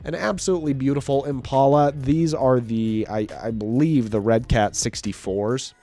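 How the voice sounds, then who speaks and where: Over soft background music, a man hosts his own video, narrating a hobby car show in a casual, rambling voice-over with many fillers and restarts while losing his voice. He speaks at normal speed in a medium-pitched, steady, warm voice.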